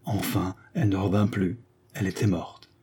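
A man reading the part of a melancholy young governess accused of a crime, speaking in an audiobook. The voice sits low and dark, with a husky grain. She speaks with sorrow but steadies into firmness. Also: fairly even intonation, moderate pace. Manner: sorrowful, then firm.

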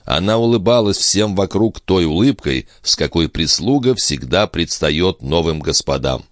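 Brief: male audiobook narrator, low voice, lively dramatic delivery, dry studio sound. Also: moderate pace, dry recording.

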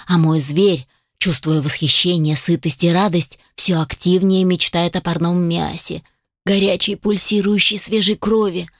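A woman reading an audiobook and voicing a stern, teasing male dragon in a lowered, dry, commanding voice. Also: no room sound. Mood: boastful.

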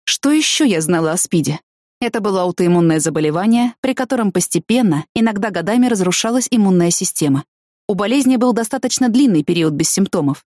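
A woman narrating a first-person novel in an even, measured storytelling voice. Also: mid-range voice, dry recording, clean studio sound. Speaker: audiobook narrator.

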